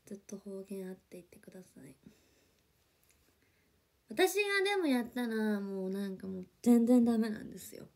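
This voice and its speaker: A woman's voice: mid-range voice, animated, normal speed, long pauses, a little mellow. A young woman chatting casually on a livestream, reading viewer comments and gushing with lots of fillers, sometimes dropping to a whisper. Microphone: phone or webcam for a livestream.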